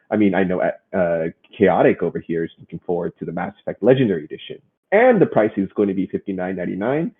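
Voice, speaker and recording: A man co-hosts a casual gaming podcast, wandering through his stories with lots of restarts. His voice sits a bit low and comes across husky. The sound is thin and phone-like. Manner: rambling, many restarts. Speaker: podcast co-host. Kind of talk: casual chat. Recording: phone-like muffled audio.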